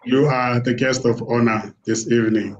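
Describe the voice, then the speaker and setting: A man's voice: mid-range voice, fairly even intonation, normal speed, lo-fi sound, slight background noise. A man hosting a live online interview, greeting guests effusively with many fillers. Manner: warm, effusive greetings, hesitant. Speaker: host. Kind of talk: casual interview.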